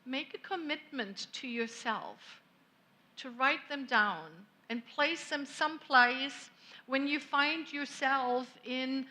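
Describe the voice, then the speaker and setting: In a church sanctuary, a bright, high-voiced woman minister whose first language is German preaches slowly. Her sermon is gentle and reflective, unhurried and full of long pauses.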